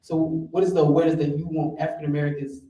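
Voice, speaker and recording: Flat-voiced young man asking a question. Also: a little high, rapid-fire. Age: young adult. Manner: hesitant, with filler "like". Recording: echoey room from far off.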